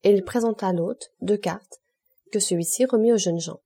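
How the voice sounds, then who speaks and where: A woman narrating a classic novel as an audiobook reader, with clear, even delivery. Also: mid-range voice, moderate pace.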